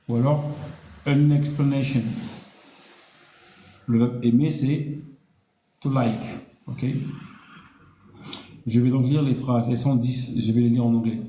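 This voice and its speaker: Dark-voiced male teacher, roomy dull sound. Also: medium pitch. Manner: explains patiently, repeating each word slowly. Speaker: English teacher. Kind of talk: live-streamed language lesson.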